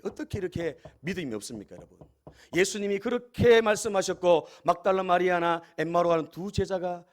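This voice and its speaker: A male pastor preaching a sermon, often addressing the congregation and asking them rhetorical questions. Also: high-pitched.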